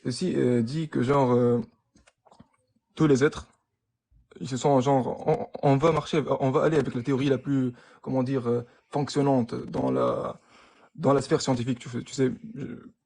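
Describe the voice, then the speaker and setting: Young male debater, relaxed dark tone, broken French, halting and repetitive delivery, informal. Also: medium pitch, gravelly. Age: young adult. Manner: broken French, groping for words with stammered repeats. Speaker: debate participant, student. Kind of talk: casual live debate.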